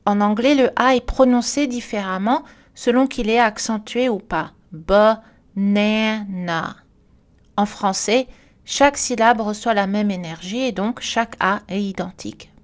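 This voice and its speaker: A woman reading a scripted French pronunciation lesson, speaking carefully and clearly and slowing down for example words. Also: mid-range voice. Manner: careful, clearly articulated delivery with slow model words.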